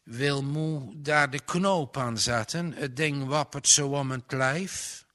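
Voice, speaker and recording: A man voicing a tired, frightened young farmer's son who speaks in a dull, measured way. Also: medium pitch, sharp tone. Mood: weary.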